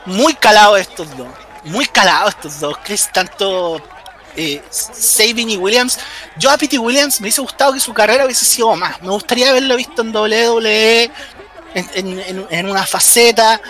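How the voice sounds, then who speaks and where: A high-voiced Chilean man works as a wrestling commentator in a loose, chatty style. His bright, forceful voice is full of slang and joking fan enthusiasm. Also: moderate pace. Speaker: wrestling commentator, podcast host. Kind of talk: casual wrestling commentary and chat.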